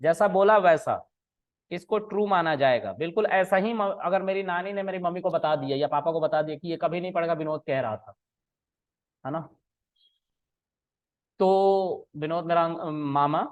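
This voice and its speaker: A man explains a lesson in an easygoing, conversational way, checking in with his listeners again and again. His voice sits a little high, and the recording is narrow and tinny, like a phone line. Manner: conversational, frequent "ठीक है" and "है ना" checks; mixes English phrases into Hindi. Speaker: programming teacher. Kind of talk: casual lesson with a personal story.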